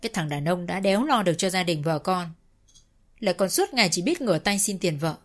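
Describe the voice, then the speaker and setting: A woman's voice: fairly low pitch, expressive, a little fast. Woman doing a scornful, angry older brother. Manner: scornful shouting.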